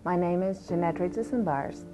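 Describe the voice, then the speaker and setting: A woman's voice: fairly low pitch, normal speed, music in the background. A woman from Aruba, a police deputy commissioner speaking passionately and conversationally in an interview, with frequent fillers.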